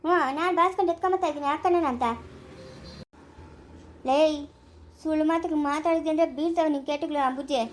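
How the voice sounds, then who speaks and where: A woman acting as a nosy village woman who scolds and calls out loudly in a family skit. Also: sits high, fairly even intonation, fast talker, long pauses, a little hiss or hum, close to an everyday voice. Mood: scolding. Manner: loud calling and scolding.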